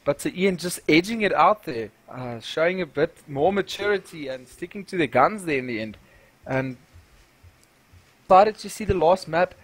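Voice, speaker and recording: A man's voice: a little high, expressive, normal speed, a bit bright, slightly rough, no room sound. A man co-casting a live esports match in an easygoing, self-mocking way. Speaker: esports co-caster.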